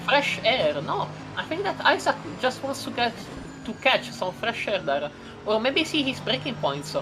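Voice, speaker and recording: Excitable female sim racing commentator. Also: fairly high pitch, measured pace, music in the background, rough recording. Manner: chatty, rambling, excitable exclamations. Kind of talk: live race commentary.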